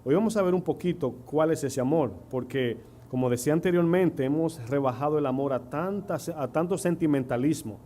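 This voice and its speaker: A man's voice: on the high side, brisk, few pauses, mellow. A middle-aged man with a Dominican accent preaching a sermon, telling stories and asking the congregation rhetorical questions. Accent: Dominican Spanish. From Dominican Republic. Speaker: pastor. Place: church. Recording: faint hum and noise.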